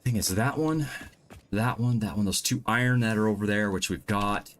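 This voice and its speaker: A man's voice: fairly low pitch, moderate pace, slight background noise. A man streaming a game live from home, chatting casually and thinking aloud as he plans his builds. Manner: thinks aloud, muttering to himself while planning. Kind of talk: casual gameplay commentary.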